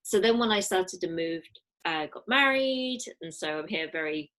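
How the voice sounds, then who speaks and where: A woman's voice: on the low side, expressive, moderate pace, fairly bright tone. A young English woman with an English accent, a guest telling stories animatedly and acting out her own past thoughts. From England. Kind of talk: casual interview.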